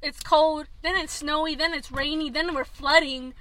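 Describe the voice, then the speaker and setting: A woman's voice: high voice, fairly even intonation, moderate pace, pushed and bright, slight background noise. A woman co-hosting a casual podcast, laid-back and slangy, cursing as she talks. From California. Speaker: podcast co-host. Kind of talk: casual chat.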